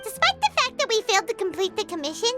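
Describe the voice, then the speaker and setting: A woman voicing a tiny chirpy floating companion in a video game, bubbly and quick to tease. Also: extremely high pitch, big pitch swings. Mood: cheerful. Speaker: travel companion. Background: game music.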